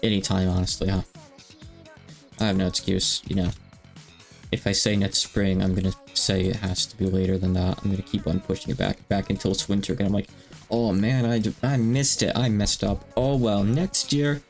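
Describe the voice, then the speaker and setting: A man's voice: low voice, flat delivery, moderate pace, gravelly, a little mellow, soft background music. A man in his thirties chatting casually on a livestream, rambling and self-deprecating with lots of fillers. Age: 30s. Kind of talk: casual stream chat.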